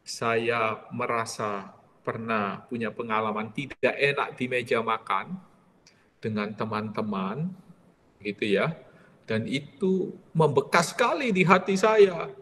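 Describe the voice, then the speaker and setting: A man in his forties, a priest leading a retreat, telling a personal story in a lively way and tagging his sentences with "ya". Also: mid-range voice, takes it slowly, long reverb tail, slight background noise.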